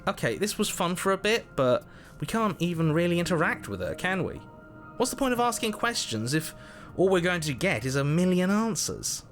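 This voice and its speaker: A man voicing a jittery, mischievous, doubting inner voice in a video game, conversational and animated. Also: high-pitched, moderate pace, faint music behind. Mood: frustrated.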